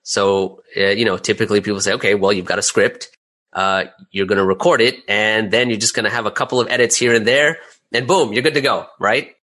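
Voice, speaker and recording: A man with a lowish voice talks a little fast, his tone steady, pushed and bright. He's an audio drama creator and voice actor appearing as an interview guest, casually walking through things step by step and tossing in rhetorical "right?" check-ins with the listener.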